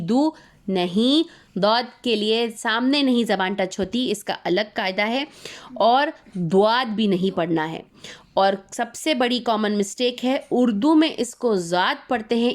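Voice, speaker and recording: A woman leads an online recitation lesson. She explains patiently and draws each letter sound out slowly, repeating it for her students. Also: fairly high pitch. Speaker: Quran recitation teacher.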